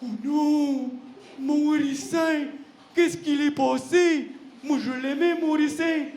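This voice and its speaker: Loud, high, whiny prophet, as a man puts him on, in a roomy hall. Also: fairly even intonation, slow, full character voice. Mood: wailing. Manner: indignant, then wailing dramatically. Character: hot-tempered, whiny prophet Jonah, adult man. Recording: roomy hall, faint noise.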